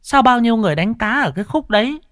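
A nagging middle-aged village mother, as a man puts her on, shrill and high. She rattles on fast in a dry, close recording. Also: lively intonation, fairly bright tone, no room sound.

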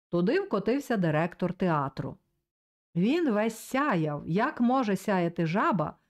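Expressive woman reading a novel aloud. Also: a little high. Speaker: audiobook reader. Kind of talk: scripted narration.

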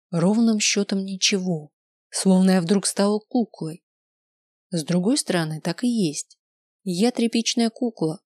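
A woman narrating a first-person novel in an expressive, lively storytelling manner. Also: medium pitch, dry recording, clean studio sound. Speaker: audiobook narrator.

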